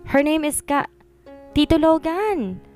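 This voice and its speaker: A woman's voice: high-pitched, expressive, takes it slowly, darkish tone, faint music behind, pitched above the performer's own voice. A woman voicing a cheerful, polite little boy who talks in a sweet, childlike, pleading way.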